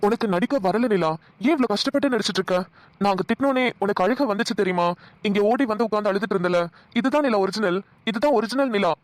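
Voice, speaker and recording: An actor voicing a bossy yet coaxing young cartoon husband, mid pitch, dry mic. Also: quick pace, no room sound, close to an everyday voice. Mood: teasing. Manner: scolding, then pleading and chuckling. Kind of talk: Tamil cartoon dialogue.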